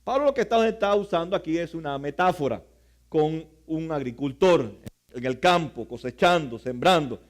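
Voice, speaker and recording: A middle-aged man preaching a sermon as pastor, earnest, with quiet asides. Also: fairly high pitch, expressive, moderate pace.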